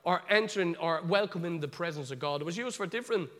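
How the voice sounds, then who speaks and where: A man with a Dublin Irish accent, telling a story in a sermon, chatty and animated, with asides to his listeners. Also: on the high side, fast. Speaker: preacher. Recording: long reverb of a large hall.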